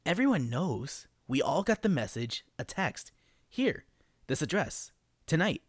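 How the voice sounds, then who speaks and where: A man voicing an excitable, obsessed male fan who talks in an eager, insistent way with a rising pitch. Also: a little slow, slightly rough, no room sound, clean studio sound, exaggerated voice. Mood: excited.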